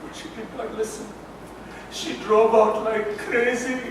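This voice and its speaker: A man performs a stage monologue, his voice high for a man, faltering and repeating himself. He moves from near whispers to cries. The sound is distant, with a large hall's echo and a steady hiss of noise. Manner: halting, repeating words, swinging from hushed to shouting. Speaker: stage actor playing a father. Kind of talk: amateur stage drama monologue. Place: community center stage. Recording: echoey hall, mic far from stage.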